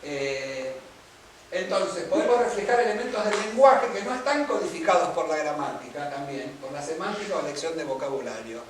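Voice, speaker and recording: A man's voice: fairly high pitch, animated, moderate pace, crowd noise. A man from Argentina giving a seminar lecture on music, explaining points and checking that listeners follow. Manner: explanatory, asks listeners for agreement. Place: lecture room. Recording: echoey room, mic far off.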